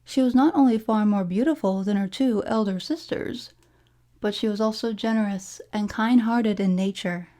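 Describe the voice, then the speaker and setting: A woman narrating a fairy tale from a storybook in a measured, formal storytelling delivery. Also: medium pitch, warm tone. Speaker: storybook reader.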